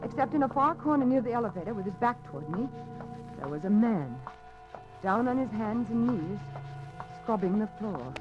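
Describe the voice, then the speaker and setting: In a 1940s radio drama, a woman plays a frightened young woman, anxious, breathless and stammering with fear. Her medium-pitched, sing-song voice moves at a moderate pace and sounds close to everyday speech. Music plays behind her, and the recording is a dull lo-fi 1940s broadcast.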